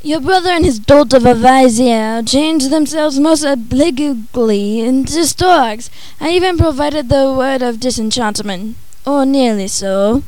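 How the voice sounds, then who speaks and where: A woman's voice: sits high, a little slow, few pauses, darkish tone, dry recording, rough recording. A woman voicing a sly, gloating male sorcerer in a theatrical, smug storybook reading.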